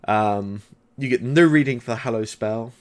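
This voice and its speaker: A man's voice: medium pitch, slight background noise. A man working as game master, narrating a tabletop game in a hesitant, improvised way. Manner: hesitant, halting.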